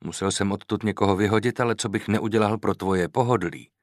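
A man's voice: on the low side, no echo, lightly acted. A man reading the lines of a commanding young nobleman in an audiobook, dry and ironic.

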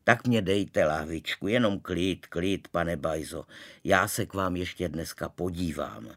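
A man voicing a brisk, bustling male country doctor who talks loud and bossy, in a storybook reading. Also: sits low, pitched below the performer's own voice.

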